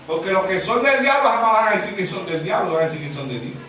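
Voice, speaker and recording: High-voiced pastor in an echoey church. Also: male voice, sing-song, fast talker, bright, forceful tone. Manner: keeps asking the congregation "yes or no?" for an amen. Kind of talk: evangelical sermon. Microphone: distant mic. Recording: echoey church from far off, noisy.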